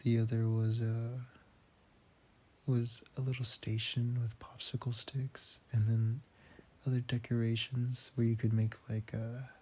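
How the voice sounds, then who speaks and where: A very tired young man in his late teens, slightly nasal from a cold, keeping a personal audio diary in a halting way with restarts, sighs and throat clearing. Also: medium pitch, level tone, dark tone. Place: at home indoors.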